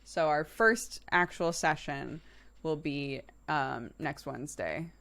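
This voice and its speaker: Speaking slowly in a low, creaky voice that's a bit bright, a woman in her early 30s hosts a livestream. She chats with live viewers in an informal, conversational way and laughs easily.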